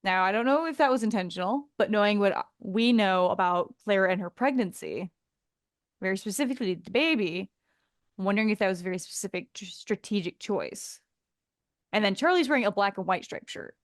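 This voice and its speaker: A woman's voice: mid-range voice, lively intonation, brisk, dry recording. Giggly woman podcast co-host, dry sound. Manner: giggly, laughs often while talking. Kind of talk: casual chat.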